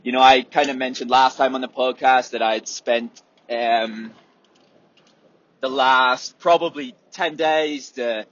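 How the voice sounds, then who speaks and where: A man with a husky, swollen-sounding sore throat, talking in a rambling, reflective, hesitant way on a casual solo podcast. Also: medium pitch, fairly bright tone, dull audio. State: sore, swollen throat, often needing clearing. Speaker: podcast host and athlete.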